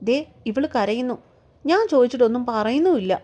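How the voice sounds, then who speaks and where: A woman voicing a stern, gruff young man who scolds bluntly and gets irritated quickly. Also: a little high, lively intonation, mellow, lightly acted. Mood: exasperated.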